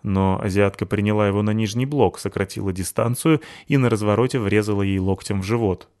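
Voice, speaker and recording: Male audiobook narrator, lowish voice, dry and wry. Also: fairly quick, darkish tone. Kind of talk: first-person audiobook narration.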